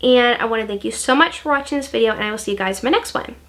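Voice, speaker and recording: A woman's voice: on the high side, very fast, fairly bright tone. Gushing young woman chatting about books. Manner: gushing, filler-heavy chatter. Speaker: booktuber. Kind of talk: casual book recommendations.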